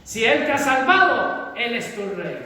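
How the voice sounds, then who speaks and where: A pastor delivers a fervent sermon, leaning hard on each stretched-out phrase. His voice sits unusually high for a man, and he preaches at a slow pace. The sound is distant and booms around a large reverberant hall. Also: very animated, bright, forceful tone. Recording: echoey hall from far off.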